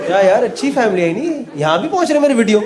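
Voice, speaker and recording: High-voiced man teasing a laughing crowd. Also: sing-song. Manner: teasing, quick banter mixing Hindi and English. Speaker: stand-up comedian doing crowd work. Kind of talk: live stand-up crowd work. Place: live comedy venue with laughing audience. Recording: loud crowd laughter and noise.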